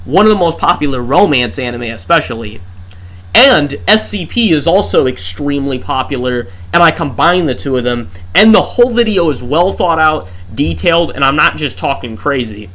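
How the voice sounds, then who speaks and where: His voice is fairly high, expressive and a bit bright, moving at a moderate pace. An exhausted gaming livestreamer, he rambles into a desk microphone, restarting often and tossing out rhetorical questions as he thinks aloud.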